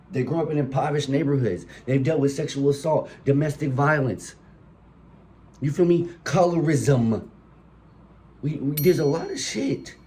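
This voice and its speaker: This low-quality recording, carrying a little hiss or hum, captures a young man with a cold sniffling through a solo podcast monologue. He's the host, preaching fervently and profanely into his phone mic amid colored lights, his mid-range voice warm throughout.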